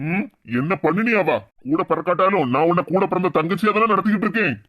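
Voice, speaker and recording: A woman's voice: fairly low pitch, quick pace, lo-fi sound, natural voice. A woman voicing a stern, protective older brother in a cartoon who scolds in a Tirunelveli Tamil accent.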